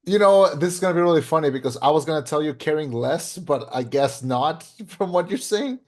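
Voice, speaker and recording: Brief: young male podcast host, slightly higher voice, blunt, casual, swears a lot. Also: lively intonation, a little fast, a little mellow. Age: 20s. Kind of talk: casual movie review chat.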